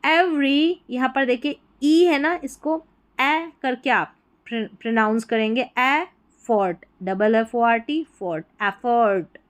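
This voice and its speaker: A woman's voice: fairly high pitch, takes it slowly. A woman teaching English reading, spelling words letter by letter and then explaining how to pronounce them and what they mean. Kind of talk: slow word-by-word reading lesson.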